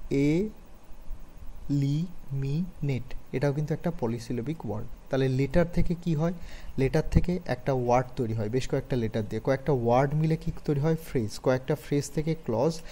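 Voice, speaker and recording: A man with a mellow, warm voice and a Bengali accent teaches an online beginners' English lesson. He explains patiently, repeats key points and keeps checking that his students follow. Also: mid-range voice.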